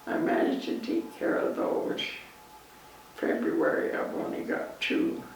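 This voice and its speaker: A woman in her nineties with a Canadian accent, reminiscing in an interview in a halting way, pausing mid-sentence. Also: darkish tone. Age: 90s. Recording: echoey, distant mic, faint noise.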